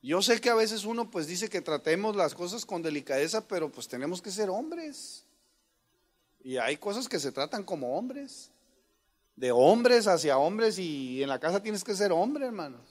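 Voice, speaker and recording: A man preaching from the pulpit in a fairly high voice, mixing jokes into the sermon. He addresses the congregation as brothers and breaks into sudden loud shouts when he acts out commands. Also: very animated, normal speed. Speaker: pastor. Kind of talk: humorous sermon.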